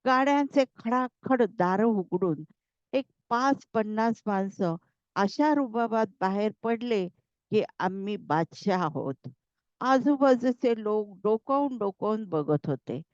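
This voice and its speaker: Slow, high-voiced woman storyteller. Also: animated, darkish tone, no echo. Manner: slow, deliberate reading aloud. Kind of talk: serialized story narration. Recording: dry, slightly dull lo-fi recording.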